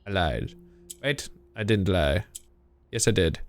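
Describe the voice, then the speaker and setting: A man's voice: sits low, expressive, slow, slight background noise. A young man streaming a puzzle game, thinking aloud in a chatty, giggly way. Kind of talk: live gameplay commentary.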